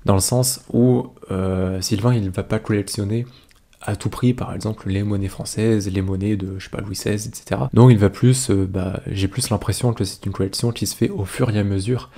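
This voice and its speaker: Low, mellow-voiced man. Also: steady tone, moderate pace. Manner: hesitant, many fillers, thinks aloud. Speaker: coin collecting video host. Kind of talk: casual commentary over coin photos.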